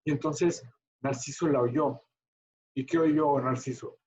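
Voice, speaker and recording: Animated doctor teaching class. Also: male voice, mid-range voice, takes it slowly, muffled recording, slight background noise. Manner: chatty, animated, quizzing students. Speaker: medical teacher. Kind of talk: online class storytelling.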